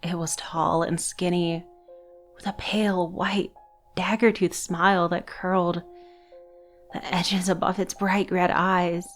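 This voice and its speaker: A woman narrating a horror story in a measured, scripted storytelling manner. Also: on the low side, little pitch movement, soft background music.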